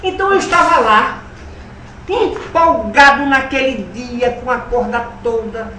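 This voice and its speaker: A man from Alagoas gives a spiritist lecture, telling personal stories with humor and sudden swings between loud and soft. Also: very high voice, unhurried, a little hiss or hum. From Alagoas, Brazil. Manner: animated, humorous storyteller with dramatic swings in loudness. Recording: roomy hall, voice from a distance, faint ambience.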